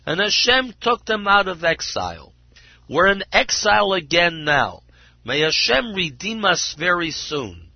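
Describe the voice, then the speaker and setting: A man's voice: a little high, slightly rough, no echo, heavily acted. A man voicing a humble water carrier telling his story in plain, earnest words, in a dull lo-fi recording. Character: simple humble male water carrier, tearful.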